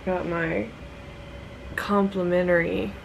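A woman's voice: lowish voice, level tone, takes it slowly, creaky, a little hiss or hum, poor audio. Laid-back woman vlogging from a hotel. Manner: laid-back, chatty, laughs often. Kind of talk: casual vlog chat to camera. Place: hotel room. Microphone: phone camera held close.

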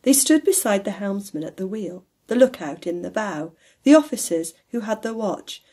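A woman with a husky voice narrating a classic novel aloud in an expressive, measured storytelling manner. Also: medium pitch.

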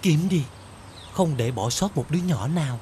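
A man's voice: fairly high pitch, lively intonation, moderate pace, mellow, slight background noise, natural voice. A man voicing a bossy middle-aged mandarin official in a cartoon, barking orders. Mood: commanding.

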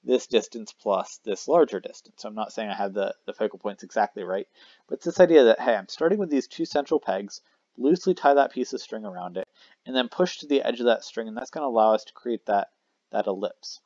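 A man's voice: fairly low pitch, brisk, a little mellow, no room sound. A man teaching a math lesson, explaining casually, correcting himself with frequent "uh" fillers as he draws. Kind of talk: recorded math lesson at a whiteboard. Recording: dry, slightly dull lo-fi mic.

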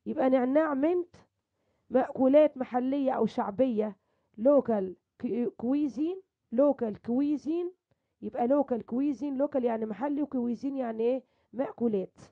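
A woman's voice: high voice, fairly quick, narrow, tinny audio. A woman with an Egyptian Arabic accent teaching an English lesson to children, repeating each word several times and addressing the kids directly. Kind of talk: online lesson, repeating vocabulary.

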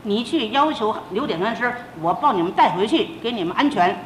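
A woman voicing a worried middle-aged male scholar who coaxes and pleads, on a roomy old tape recording with rumble. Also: lively intonation, brisk, natural voice. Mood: coaxing.

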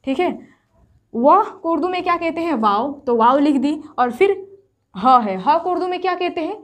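High-voiced woman teaching Urdu patiently. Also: expressive. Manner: patient, repeats each point slowly. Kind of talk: step-by-step whiteboard lesson.

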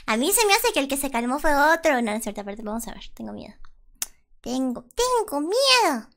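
A woman, chatting casually as a streamer and often bursting into loud laughter. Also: sits high, big pitch swings, brisk. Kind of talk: casual livestream reaction.

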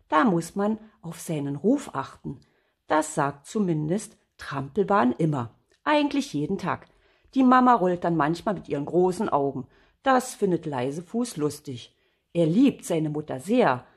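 An older woman, a grandmother, reading a children's storybook aloud in a gentle, expressive way. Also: on the low side, husky.

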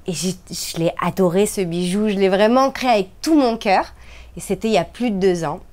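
A woman from France talking in a casual interview, animated and emphatic, her voice swinging high and low as she makes her points. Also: brisk.

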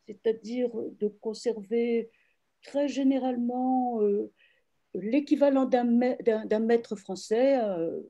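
Slow, dark-voiced woman translator, hesitant. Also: a little high. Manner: hesitant, many fillers and restarts, reflective. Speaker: literary translator. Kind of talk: online panel discussion, thoughtful explanation. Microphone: video call.

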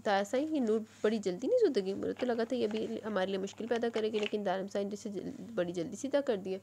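A woman voicing a young male cousin who speaks in a low, confiding voice in an audiobook reading. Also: a little hiss or hum, close to an everyday voice. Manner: hushed, confiding. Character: young man, cousin, chatty and curious.

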